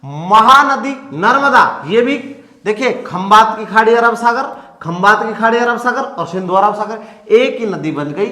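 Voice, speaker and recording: A man's voice: high voice, expressive, measured pace, bright, forceful tone. A male teacher giving an exam-prep geography lesson in speech, asking questions and answering them himself. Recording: echoey room.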